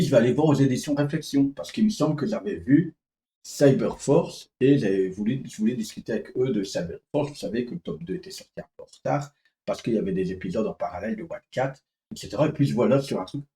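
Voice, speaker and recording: A man's voice: medium pitch, mellow, echoey room, low-quality recording. A man casually telling a story for his vlog, rambling with many fillers and restarts. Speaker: comics vlogger.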